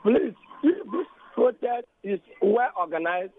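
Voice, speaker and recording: A man calling in to a radio show by phone from a moving car, speaking in an earnest, halting way. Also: high-pitched, lively intonation. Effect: phone call from a moving car. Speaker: radio call-in caller. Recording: band-limited phone line with road noise.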